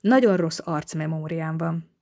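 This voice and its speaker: A woman's voice: sits low, dark tone. A woman reading an audiobook, voicing a stubborn male writer who speaks coolly and sounds offended. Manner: cool, offended.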